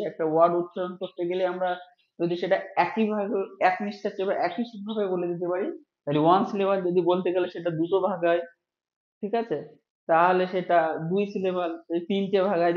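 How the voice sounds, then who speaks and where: A man teaching an English grammar lesson, explaining step by step and drawing out example words slowly. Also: high voice. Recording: echoey room, dull lo-fi sound.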